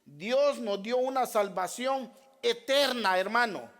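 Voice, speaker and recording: A man's voice: extremely high pitch, takes it slowly, a bit bright. A male pastor preaching a sermon, repeating Bible references and putting rhetorical questions to his congregation. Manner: repeats Bible references and addresses listeners as beloved brothers.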